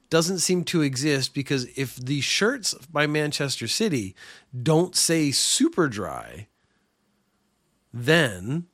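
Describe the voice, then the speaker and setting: In a casual solo podcast rant, the host of a small show goes on in a rambling, sarcastic, and opinionated manner. His voice is mid-range with a fairly bright tone, and the sound is echo-free.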